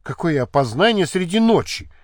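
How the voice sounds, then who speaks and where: A man's voice: fairly high pitch, very animated, normal speed, no echo, studio quality. A man voicing an indignant, defiant young woman in an audiobook.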